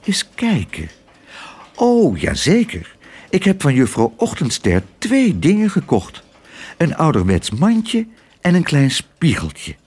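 A gentle, elderly male shopkeeper from a children's storybook, speaking in a slow, friendly manner, as a man puts him on. He sounds unhurried and warm-hearted. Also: a little high, wildly swooping pitch, husky, pitched above the performer's own voice, heavily acted. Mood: kindly. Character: kind elderly male antique dealer.

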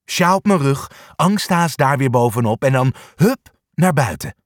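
A man's voice: mid-range voice, animated, measured pace, dry recording, studio quality, lightly acted. A man voicing a brave, bossy male dog who leads the group and urges the others on. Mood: urging. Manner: urging, commanding.

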